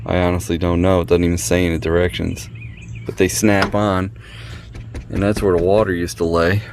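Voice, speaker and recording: In a low voice with flat delivery and normal speed, a man makes short, offhand comments about home repairs for a folksy vlog. The handheld camera audio is noisy and carries a background hum.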